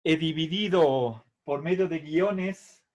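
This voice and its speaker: Slow, patient Latin teacher, a man. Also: fairly high pitch, a little mellow, dull audio. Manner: patient, repeats a questioning "¿sí?" after each point; drills verb forms slowly, syllable by syllable. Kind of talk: slow classroom explanation.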